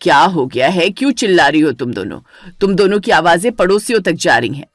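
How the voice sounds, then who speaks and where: A woman voicing a stern, commanding older mother-in-law in a dramatized story, scolding in a lower voice. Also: expressive, fairly quick, dry recording, studio quality, soft background music. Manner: scolding and authoritative.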